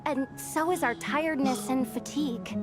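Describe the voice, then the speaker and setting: A woman's voice: sits high, normal speed, lightly acted. A woman voicing an eager, loyal young employee in a video game, earnest and chatty, anxious to please. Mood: reassuring. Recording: music behind the voice.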